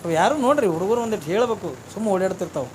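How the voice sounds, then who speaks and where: A man's voice: high voice, expressive, racing, a little hiss or hum. A man preaching a devotional sermon in a North Karnataka Kannada accent, telling a story and asking the audience rhetorical questions. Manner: rhetorical, repeats phrases and asks the audience questions. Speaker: religious preacher.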